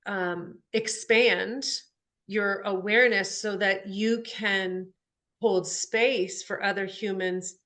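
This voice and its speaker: A woman's voice: medium pitch, fairly even intonation, takes it slowly, fairly bright tone. A woman hosting a spiritual podcast, talking earnestly about soul, energy and healing. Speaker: podcast host.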